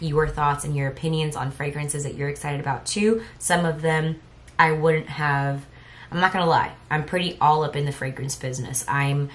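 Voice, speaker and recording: A woman chatting casually through a fragrance haul review, rambling and correcting herself as she goes. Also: low voice. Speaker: fragrance vlogger. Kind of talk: casual product review chat.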